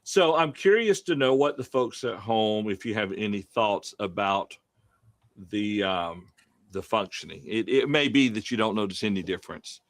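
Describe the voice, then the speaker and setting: A man's voice: lowish voice, moderate pace, dry recording. A man hosting a casual online Bible study discussion over a video call, rambling with many fillers. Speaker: host running the online study.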